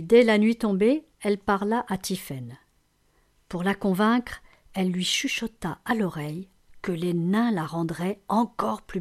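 Lady calmly reading a storybook aloud, mid pitch. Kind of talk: reading a fairy tale aloud.

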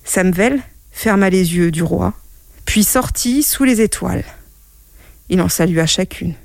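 A woman reading a fairy tale aloud as scripted storybook narration, in a gentle, measured way. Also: on the low side, expressive, gravelly, no room sound.

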